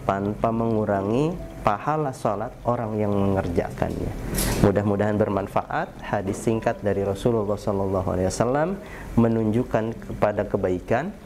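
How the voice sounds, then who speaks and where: A man in his thirties from Indonesia gives a short morning sermon at a desk, calm and unhurried, with gentle fillers. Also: fairly low pitch, background noise. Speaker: preacher and founder. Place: small indoor office studio with poster wall. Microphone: seated at desk, camera at medium distance.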